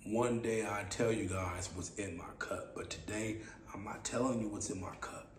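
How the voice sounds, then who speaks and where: Sitting in a small indoor room, a man in his thirties rambles through his own podcast at a moderate pace, his raspy voice fairly low, his tone relaxed and playful, his phrases often repeated. The mid-distance camera mic catches echo and steady background hiss.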